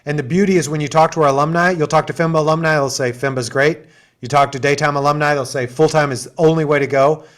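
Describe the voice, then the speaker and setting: The assistant dean, a middle-aged man, talks fast in a slightly high voice with fairly even intonation. Hosting an info session on a video call, he explains programs in a chatty, enthusiastic manner loaded with asides and fillers.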